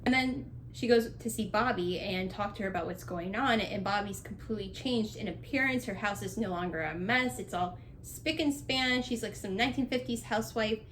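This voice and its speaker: A woman's voice: medium pitch, normal speed, few pauses, a bit bright. A young woman chatting casually and sarcastically as she recaps a movie, laughing often. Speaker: vlogger. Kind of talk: casual movie recap while doing laundry.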